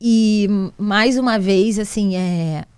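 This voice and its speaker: A woman's voice: medium pitch, takes it slowly, smooth, dry recording, studio quality. A woman from Brazil, a guest in an interview, telling a personal story with feeling, acting out conversations with many restarts. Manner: animated, acts out dialogue with many restarts. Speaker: guest, restaurant business owner.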